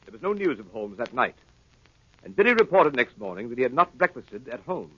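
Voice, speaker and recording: An actor playing a busy gentleman doctor, formal, brisk and slightly impatient, in 1930s radio drama style. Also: medium pitch, sing-song, natural voice. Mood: measured narration. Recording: muffled, hissy 1930s radio recording.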